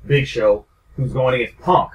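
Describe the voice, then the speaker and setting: A man's voice: medium pitch, fairly even intonation, normal speed. A young man co-hosting a wrestling podcast, joking and swearing freely in casual talk. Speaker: podcast co-host. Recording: echoey room, far from mic, faint noise.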